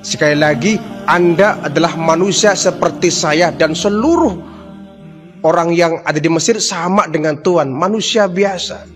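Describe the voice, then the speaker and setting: A man voicing a devout, fearless woman servant in a preached story, making calm, firm declarations. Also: on the high side, moderate pace, music in the background, natural voice. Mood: defiant.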